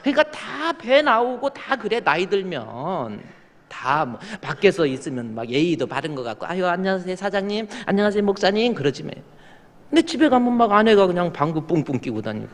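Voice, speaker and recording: A man's voice: on the high side, big pitch swings, moderate pace. A man preaching a sermon as pastor, telling stories in a folksy way and acting out little scenes of his church members. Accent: Korean. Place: church sanctuary. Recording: long reverb of a large hall.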